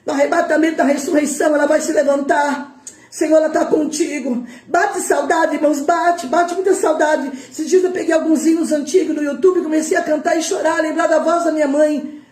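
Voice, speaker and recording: Woman preacher, Brazilian Portuguese accent, very high voice, impassioned and tearful, echoey room. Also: steady tone, a little fast. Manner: impassioned, shouting and tearful at times. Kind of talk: emotional Pentecostal sermon.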